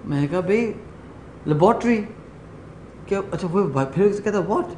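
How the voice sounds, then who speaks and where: A middle-aged man from Pakistan leading a workshop, telling stories in an animated way and slipping into English phrases. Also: high voice, slight background noise. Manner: animated storyteller, acts out quoted exchanges, mixes in English. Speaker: workshop trainer. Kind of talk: lively lecture to a class. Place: training room with a group.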